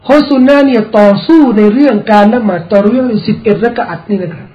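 A man preaching an Islamic sermon, explaining in a relaxed, conversational way and weaving in recited Arabic quotations. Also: sits high, fast talker, dull audio. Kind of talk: religious sermon.

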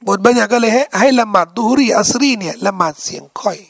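A man preaching an Islamic lecture, telling the story in a colloquial, animated way and putting rhetorical questions to his listeners. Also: high voice, fast, gravelly, breathy edge, dry recording.

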